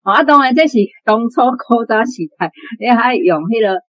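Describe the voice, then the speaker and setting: A woman with a Taiwanese accent, appearing as a guest or presenter on a radio programme, offers unscripted, explanatory commentary on literature. Her fairly high, fairly bright voice has lively intonation and a moderate pace, with no room sound.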